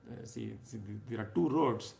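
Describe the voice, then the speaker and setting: This South Indian teacher in his thirties speaks at normal speed in a medium-pitched voice that's creaky and a little mellow. Leading a scripture class, he gives a casual, emphatic sermon with anecdotes and chanted verses, frequently closing phrases with "right?" to check on his listeners.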